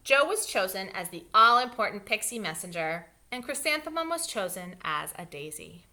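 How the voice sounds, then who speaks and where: A woman teacher reading a children's storybook aloud expressively, pausing to explain things to young listeners. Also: mid-range voice, big pitch swings, sharp tone.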